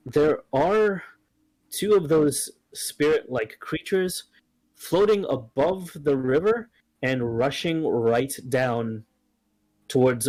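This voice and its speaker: A man running a tabletop game, unhurried and halting as he describes the scene. His pitch sits in the middle range. The sound is dry and close, with no room around it. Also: darkish tone, no echo, low-quality recording. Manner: slow, hesitant narration with frequent ums. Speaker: game master.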